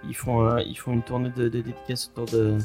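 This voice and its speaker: A man's voice: mid-range voice, monotone, fast talker, a little mellow, soft background music. A man hosting a podcast in a loose, chatty way, often trailing off. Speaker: podcast host. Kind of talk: casual podcast chat.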